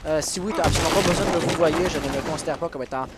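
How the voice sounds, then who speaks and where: A man's voice: fairly high pitch, rapid-fire. A man casting an esports match solo on his stream, chatty and answering chat between plays. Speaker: esports caster. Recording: game gunfire noise behind.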